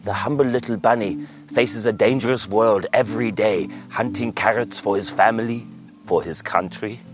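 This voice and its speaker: An actor playing a goofy, theatrical imaginary dictator friend in a film, giving a mock-grand pep talk. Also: male voice, fairly low pitch, normal speed, faint music behind, close to an everyday voice. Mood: playful pep talk. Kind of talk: film dialogue.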